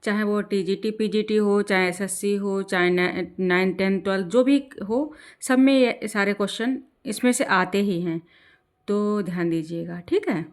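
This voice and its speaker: A woman teaching an exam-prep grammar lesson in Hindi, slowing down when she reads rules aloud and often checking in with "ठीक है". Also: medium pitch. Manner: explains in Hindi, slows down to read English rules aloud; repeats "ठीक है" to check in with learners.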